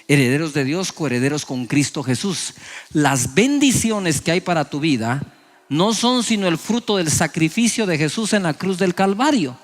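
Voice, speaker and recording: A man's voice: a little high, animated, moderate pace. A man preaching a sermon as a pastor, acting out people's prayers in raised voices.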